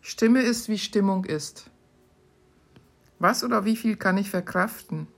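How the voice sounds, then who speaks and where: A woman hosting her podcast, reading short questions aloud from her own book in a calm, measured way. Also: lowish voice, vocal fry. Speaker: podcast host.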